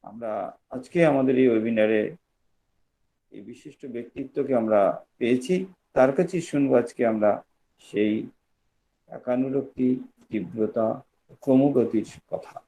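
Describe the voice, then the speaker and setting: A man hosting an online webinar, speaking in a formal, measured and respectful way as he presents. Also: medium pitch, steady tone, dark tone, slight background noise, rough recording. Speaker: webinar host.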